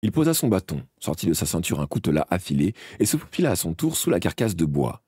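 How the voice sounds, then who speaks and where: A man reading a fantasy novel aloud in a live audiobook session, his voice very deep and dark with a husky grain. His delivery swings widely in pitch, expressive, though he sometimes stumbles and restarts a word, in a dry, close sound. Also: quick pace, no room sound. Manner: expressive, with occasional slips and restarts. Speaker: audiobook reader.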